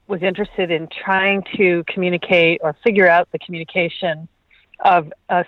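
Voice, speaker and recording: A woman scientist telling her story as a guest in an interview, thoughtful, with pauses and hesitations. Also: lowish voice, no echo. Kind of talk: remote interview. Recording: tinny phone line, dry.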